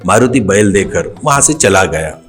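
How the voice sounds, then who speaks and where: A man's voice: sits low, lively intonation, moderate pace, fairly bright tone, soft background music. Man narrating a cartoon story. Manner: plain storytelling.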